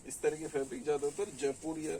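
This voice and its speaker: This online saree seller talks in a Delhi Hindi accent, casually displaying garments and reading off sizes and prices. His pitch is on the high side with little movement, his tone dark, his pace fairly quick. Captured from afar with slight background noise, the audio is poor.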